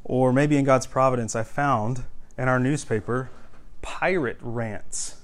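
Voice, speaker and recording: A man's voice: mid-range voice, unhurried. A young man preaching a sermon in a conversational way, with humor and frequent word restarts. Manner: conversational, self-deprecating humor, repeats words when restarting.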